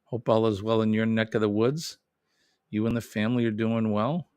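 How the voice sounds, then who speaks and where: This man's voice is low, smooth and darkish, with a level tone and moderate pace, recorded without room sound. He speaks with a Boston accent, hosting a casual New England live stream where he reads comments, rambles, corrects himself and chuckles regularly.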